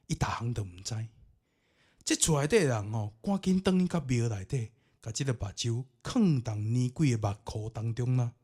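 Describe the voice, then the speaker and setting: A Taiwanese-accented man, native in Taiwanese Hokkien, hosts a podcast telling ghost stories and commenting on them in a theatrical, colloquial way. His medium-pitched voice is warm and animated with a breathy edge, and he speaks at a moderate pace.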